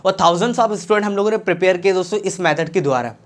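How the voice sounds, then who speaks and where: A man's voice: sits high, brisk. A man teaching English grammar with an Indian accent. He repeats each practice sentence several times, then asks the class questions and answers them himself.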